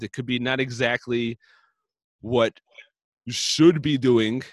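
A man's voice: medium pitch, no room sound. A man in casual chat, reacting with enthusiasm and drawing out the point of a story.

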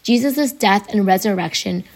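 A young adult woman hosting a faith podcast, her voice hoarse and raspy from laryngitis, talking in an earnest, conversational way. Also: mid-range voice, normal speed. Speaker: podcast host.

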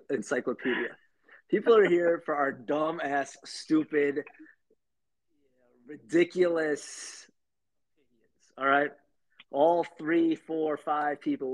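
A man's voice: on the high side, moderate pace. A man co-hosting a casual podcast, joking around and singing bits of songs for a music quiz. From lives somewhere hot. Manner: joking, sings song snippets for a quiz. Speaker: podcast co-host. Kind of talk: casual chat.

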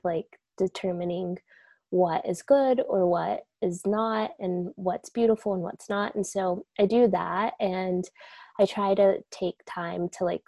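A young woman with a fairly low voice speaks casually and reflectively as an interview guest. She's soft-spoken and laid-back, filling her talk with lots of "like" and "you know," and there's no echo.

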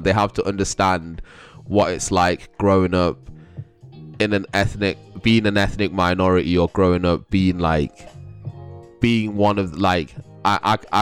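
A young man with a London accent chatting casually as a vlogger, rambling and slangy. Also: low-pitched. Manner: rambling, slangy, often breaks into chuckles. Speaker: vlogger giving commentary. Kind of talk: casual chat.

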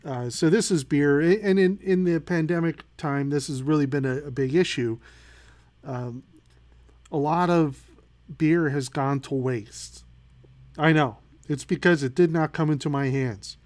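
A middle-aged man with a fairly high voice reads out headlines and then riffs on them in a loose, opinionated way. He stops and restarts often, leans on fillers, and works himself up as he talks. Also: unhurried, darkish tone. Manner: opinionated, gets worked up, many fillers. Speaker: podcast host. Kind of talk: casual news commentary.

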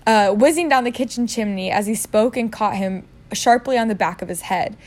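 A woman's voice: medium pitch, normal speed, a little mellow. A woman reading a novel aloud in a casual way, joking about her own misreadings. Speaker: reader.

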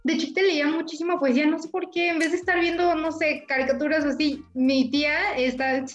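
A young woman with a Mexican accent chatting casually, animated and acting out her own thoughts as she talks. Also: high-pitched, brisk, echoey room, dull audio. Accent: Mexican Spanish. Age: young adult. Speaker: interviewee. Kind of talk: casual chat.

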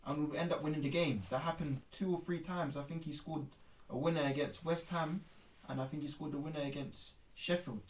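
A man's voice: a little high, steady tone, fairly quick, distant mic. A young man, talking casually through football points and steering the discussion. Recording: echoey room, off-mic, faint noise.

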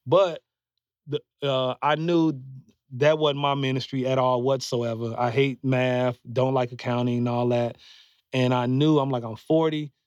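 A man in his forties chats casually on a podcast, giving earnest advice in a loose way full of fillers and restarts. His mid-range voice is steady and darkish, with a measured pace. The dry recording sounds dull and slightly muffled, with no room sound.

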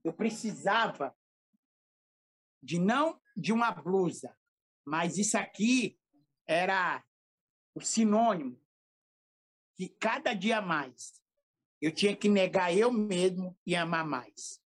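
In a casual podcast interview, a middle-aged male pastor with a São Paulo Portuguese accent tells a story with animation, slang, and emotion. His voice sits high, and he speaks slowly with long pauses.

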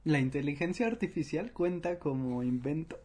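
A man's voice: a little high, expressive, moderate pace, a little mellow. A man with a Mexican accent in a casual chat, playful and stopping to explain slang expressions.

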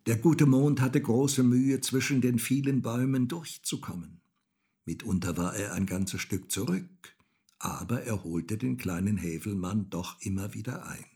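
A man reading a children's story aloud, slow and expressive. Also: lowish voice, breathy edge.

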